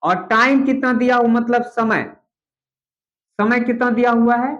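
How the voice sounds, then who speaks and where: A man's voice: very high voice, a little slow, fairly bright tone, muffled recording. A man teaching a math lesson, repeating each step, asking questions as he goes and mixing in English terms. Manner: repetitive, checks in with rhetorical questions.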